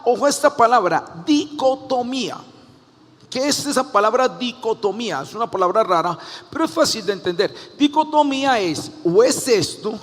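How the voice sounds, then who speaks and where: Older pastor preaching, high voice, lots of hall echo. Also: male voice. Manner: animated preaching, acting out quoted voices. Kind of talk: sermon.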